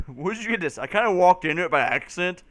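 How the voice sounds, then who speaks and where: A young man playing a game with a friend, swearing often and breaking into excitable laughing outbursts. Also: high voice, fast. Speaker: gamer playing and co-hosting. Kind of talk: casual let's play banter.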